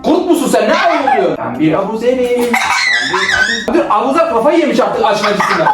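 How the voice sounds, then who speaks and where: A man's voice: very high voice, sing-song, a little fast. A young man bossily directing his little sister through a playful skit, teasing her and often laughing. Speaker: older brother directing a skit. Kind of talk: playful sibling role-play skit. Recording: roomy, from a distance, faint music.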